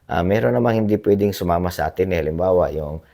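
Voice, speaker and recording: A man vlogging in a casual, rambling chat to his viewers, hoarse from a cough, politely tagging his sentences with little questions. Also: low-pitched, quick pace, mellow. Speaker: blogger reading viewer comments. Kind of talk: casual livestream-style chat.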